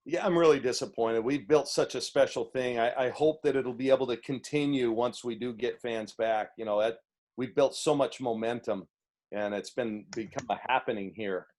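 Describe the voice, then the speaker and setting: A man with a booming, slightly mellow voice answers reporters' questions as a head coach over a video call. His replies are sincere but halting, full of restarts.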